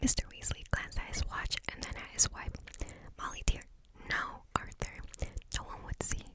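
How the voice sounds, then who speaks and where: A woman reading a story aloud in an ASMR whisper, barely audible and unvoiced, with tingly mouth sounds. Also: moderate pace.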